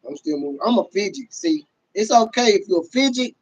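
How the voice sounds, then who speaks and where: A man, hosting a casual livestream rant. He talks loudly and profanely to his viewers, laughing often. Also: high voice, lively intonation, a little fast, low-quality recording. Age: 30s. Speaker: livestream host.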